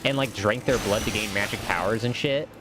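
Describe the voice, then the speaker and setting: A man's voice: on the low side, a little fast, music in the background. A young man streaming a game, chatting casually while he plays. He sounds sleepy, yawns, swears freely and laughs at his own rambling jokes. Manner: laid-back, swears, laughs often, rambling asides. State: sleepy, yawning.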